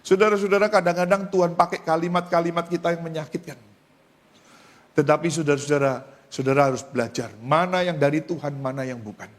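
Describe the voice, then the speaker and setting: An Indonesian-accented male pastor preaches in a church, with a voice pitched somewhat high for a man. He tells stories and keeps turning to the congregation. He moves from loud, high exclamations down to low, quiet remarks. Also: steady tone, fast. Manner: storytelling with repeated address to the congregation. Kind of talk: sermon.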